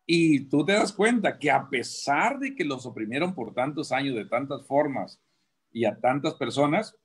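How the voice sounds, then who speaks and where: A man speaks in a husky, somewhat breathy voice at an ordinary male pitch. He preaches in conversation from a radio studio, emphatic and full of rhetorical questions. His sentences often restart midway as he drives his point home. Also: animated, moderate pace. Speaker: prison preacher.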